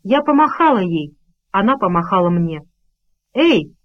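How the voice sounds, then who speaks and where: A woman's voice: mid-range voice, very animated, measured pace, lo-fi sound. A woman voicing a distraught elderly woman who begs for help in a breathless, shaken voice in an audiobook. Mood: shaken recounting.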